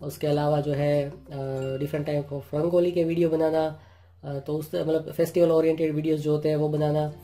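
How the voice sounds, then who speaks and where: This is a product-review host, a man whose somewhat high, dark voice stays level and unhurried at normal speed. Indoors at a table, he goes item by item in straightforward Hindi, saying "jo hai" again and again, while music plays clearly in the background.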